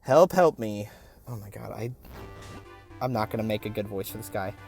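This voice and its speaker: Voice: medium pitch, little pitch movement, brisk, creaky, a little mellow. Rambly gamer chatting over a playthrough, lots of "like", faint game music behind. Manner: rambling and chatty, many fillers. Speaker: let's play host. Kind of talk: casual let's play commentary.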